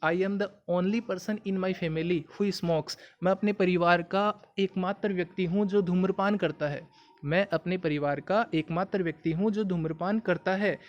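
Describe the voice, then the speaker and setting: A man with a fairly high voice and a Hindi accent, teaching English idioms. He explains patiently, repeats each point, and turns to the viewer with questions. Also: a little slow, highs cut off. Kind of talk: explaining idioms in a video lesson.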